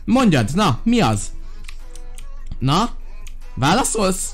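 A man hosting a Minecraft let's-play, talking in an animated, exclaiming way and giving bossy orders, with a lingering cough after being ill. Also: sits high, faint music behind. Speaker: gaming video host.

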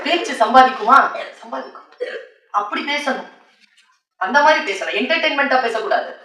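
Bright high woman speaker in an echoey hall. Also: lively intonation, distant mic, a little hiss or hum. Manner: storytelling, laughing often, slows for solemn lines. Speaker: motivational speaker. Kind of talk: motivational speech.

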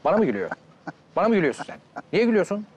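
A cocky, bossy coffeehouse regular. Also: male voice, sits high, sing-song, rapid-fire, a little mellow, slight background noise. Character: cocky self-assured man in the coffeehouse crowd.

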